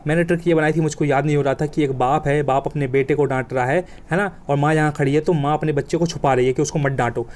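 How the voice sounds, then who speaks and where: Fast-talking vocabulary teacher, man. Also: fairly high pitch, fairly even intonation, darkish tone. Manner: colloquial, joking, emphatic with vivid examples. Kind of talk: exam coaching lesson.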